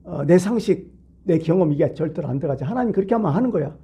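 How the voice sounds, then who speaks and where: Husky dark-voiced male pastor preaching. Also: a little high, expressive, quick pace. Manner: conversational preaching with rhetorical questions. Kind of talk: midweek sermon. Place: church sanctuary.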